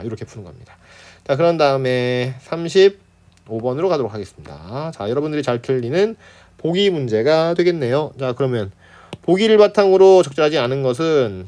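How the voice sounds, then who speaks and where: Lively, chatty male exam tutor. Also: medium pitch. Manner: chatty, keeps asking "right?", reads answer choices then scoffs at them; acts out characters in quick playful asides. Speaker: Korean literature tutor. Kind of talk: exam lecture walkthrough.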